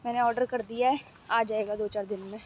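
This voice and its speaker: A young woman talking casually to her phone camera in a vlog. She speaks softly and quietly. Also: a little high, steady tone, fast, noisy background. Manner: soft-spoken, talks quietly. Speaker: vlogger. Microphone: phone held in hand, no external mic.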